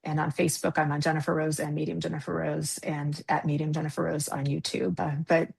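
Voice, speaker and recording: A woman's voice: sits low, flat delivery, brisk, creaky, a little mellow, husky. A woman, a psychic medium, talking earnestly as a guest on a podcast and laughing easily. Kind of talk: casual podcast conversation.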